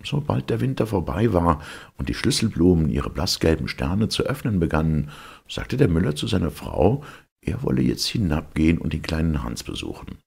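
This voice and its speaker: A man reading a fairy tale aloud as an audiobook narrator, in measured, expressive storytelling. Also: low voice, gravelly, breathy edge. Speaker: audiobook reader.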